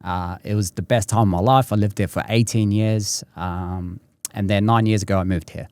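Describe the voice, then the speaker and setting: A man from Tunisia telling his life story as a podcast guest, animated and full of "literally" and "uh". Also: fairly low pitch, moderate pace, smooth, no room sound, studio quality. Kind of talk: storytelling in casual conversation.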